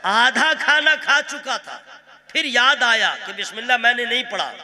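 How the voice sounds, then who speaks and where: A man's voice: extremely high pitch, moderate pace, pushed and bright. A man preaching at a religious gathering, playful and laughing as he coaxes the crowd, mixing in Bengali phrases and breaking into sung verses. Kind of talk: jalsa sermon with sung verses. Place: open-air religious gathering.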